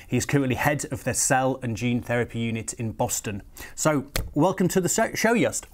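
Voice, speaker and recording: A man's voice: medium pitch, animated, fairly quick. A man in his forties hosting a pre-recorded business interview, friendly and a little hesitant, with fillers and repeated words. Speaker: host.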